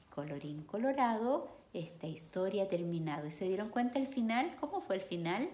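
With an animated mid-range voice that runs a little fast, a children's storyteller reads from a picture book, stopping warmly to describe the pictures for the kids. The recording has an echoey room sound.

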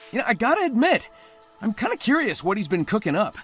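Sonic, cocky high-voiced hedgehog hero. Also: male voice, wildly swooping pitch, fast talker, a bit bright, husky, faint music behind, full character voice. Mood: confident, breezy. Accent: American. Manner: breezy, confident, wisecracking. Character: cocky, easygoing young male hedgehog hero. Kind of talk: video game cutscene acting.

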